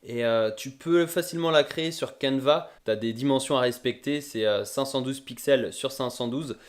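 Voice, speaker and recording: A young man, talking through a screen-recorded web tutorial in a casual, friendly way, addressing the viewer directly and pausing often on filler sounds. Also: medium pitch.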